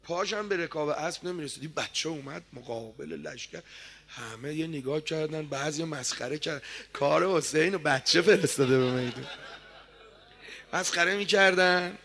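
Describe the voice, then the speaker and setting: A man preaching a sermon, telling a story dramatically and swinging from hushed tones to loud declaiming. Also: a little high, gravelly.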